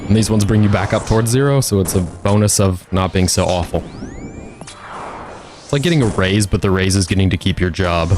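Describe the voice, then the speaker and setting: A man's voice: low voice, fairly quick, over music. A man streaming a video game, chatting casually and joking as he plays. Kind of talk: casual gameplay commentary.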